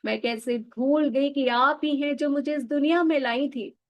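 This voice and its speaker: A woman leading a guided meditation in a soft, heartfelt, pleading manner. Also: high-pitched, unhurried, no room sound.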